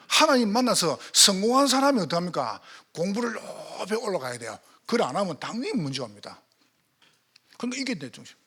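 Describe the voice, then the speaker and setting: Lively Gyeongsang-accented pastor, husky voice. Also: male voice, sits high. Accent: Gyeongsang Korean. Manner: lively preaching with frequent rhetorical questions to the congregation. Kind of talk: sermon. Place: church sanctuary.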